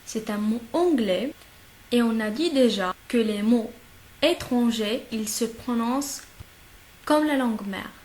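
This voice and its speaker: A woman teaching a language lesson, speaking slowly and deliberately, repeating each example word several times and checking often that the listener follows. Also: a little high, darkish tone. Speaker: German teacher. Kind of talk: slow classroom-style language lesson.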